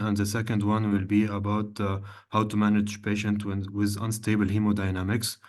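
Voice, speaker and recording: Low, flat-voiced man lecturing online. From Lebanon. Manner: hesitant, many fillers, methodical explaining. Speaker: cardiologist lecturer. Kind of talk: online medical lecture with slides.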